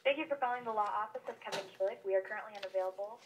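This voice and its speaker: A woman reading a law office answering machine message in a brisk, rehearsed way, heard over a phone speaker. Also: mid-range voice, muffled recording. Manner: brisk, rehearsed, even delivery. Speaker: law office voicemail greeting. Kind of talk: scripted recorded greeting. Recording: distant speakerphone with faint hiss and clicks.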